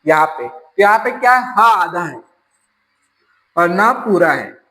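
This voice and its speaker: With a Rajasthani accent and a fairly high, sing-song voice, a man teaches an exam-prep grammar lesson at a measured pace. His delivery is pushed and bright, and the recording is rough. He takes each item step by step, asking the class a question and then answering it himself.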